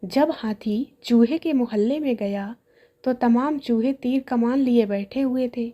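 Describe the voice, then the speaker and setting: A woman narrating a string of jokes in a steady storytelling way. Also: fairly high pitch, unhurried, lo-fi sound. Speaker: joke narrator. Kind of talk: reading jokes aloud.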